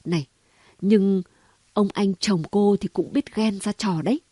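A woman reading an audiobook voices a gossipy, sharp-tongued city woman who talks in quick exclamations and mockery. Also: medium pitch, dry recording, studio quality, lightly acted. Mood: gossiping. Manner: chatty, mocking, full of exclamations.

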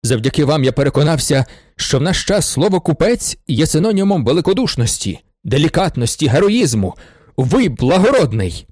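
Man voicing a worked-up old aristocrat, pitch all over the place, pompous and self-pitying, dry close mic. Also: normal speed, no room sound. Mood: effusive. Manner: excitable and theatrical, swinging between indignation and gushing gratitude. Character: agitated aging male aristocrat, proud and pitying himself.

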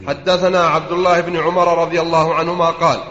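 Man, formal steady recitation, slightly high voice, echoey hall, dull lo-fi sound. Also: quick pace. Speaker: student reading aloud. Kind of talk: reading hadith chains aloud in a study circle.

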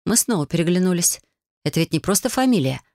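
A woman narrating a first-person novel as an audiobook, reading in a lively, expressive way. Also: lowish voice, fast, no room sound, studio quality.

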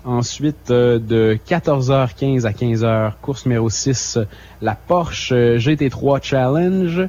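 A radio co-host reads an event schedule in a casual, halting way, filling pauses and joking at his own expense. His voice sits at a middle pitch. The broadcast sound is slightly dull, with faint noise behind him. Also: a little mellow. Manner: hesitant, many fillers, self-mocking.

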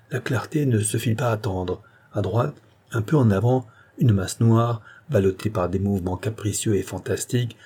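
A man narrating a classic novel in a measured, literary reading style. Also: fairly low pitch, warm tone, breathy edge. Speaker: audiobook narrator. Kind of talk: scripted narration.

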